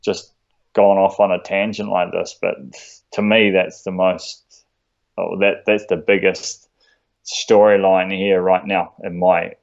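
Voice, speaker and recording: A man with a broad New Zealand accent chatting casually in a laid-back, slangy, halting way as a podcast guest. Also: low voice, flat delivery, vocal fry, muffled recording. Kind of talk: casual chat.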